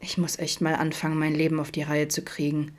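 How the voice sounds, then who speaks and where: Woman doing a quiet, worn-down dad in a storybook, low soft voice. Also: monotone, brisk, close to an everyday voice. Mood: subdued. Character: middle-aged father, shy, troubled, self-critical.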